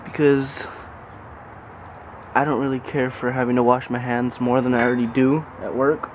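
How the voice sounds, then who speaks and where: A man's voice: medium pitch, level tone, normal speed, background noise. A man chatting casually in a daily vlog, rambling and amused at himself. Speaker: vlogger.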